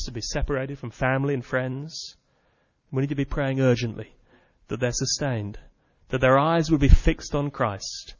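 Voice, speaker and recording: A man preaching a sermon with earnest, dramatic storytelling. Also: mid-range voice. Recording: muffled sound with long hall reverb.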